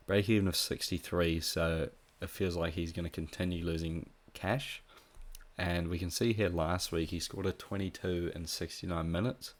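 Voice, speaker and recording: A man with a nasal voice from being a bit sick, talking through fantasy tips in a relaxed, casual way with plenty of ums. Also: low voice. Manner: relaxed, with frequent ums and restarts. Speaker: fantasy football tipster. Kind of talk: casual solo analysis.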